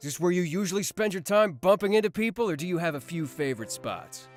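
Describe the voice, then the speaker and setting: In a high-pitched, expressive voice and at a fast clip, a male actor voices a visual novel character: a teasing, smug, mysterious man in his twenties. Music plays under his lines.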